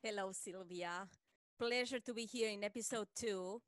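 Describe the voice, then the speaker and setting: A woman, a communication expert, talking as a podcast guest with eager, quick speech and a few stammered restarts. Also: mid-range voice, dry recording. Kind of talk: casual podcast conversation.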